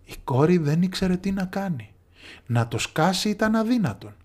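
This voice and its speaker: Man narrating a folk tale. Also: high-pitched. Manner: lively expressive storytelling. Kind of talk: scripted storytelling narration.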